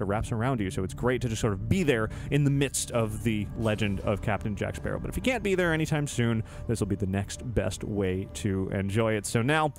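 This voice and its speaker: Halting male podcast host over music. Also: fairly low pitch. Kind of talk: casual podcast commentary introducing a segment.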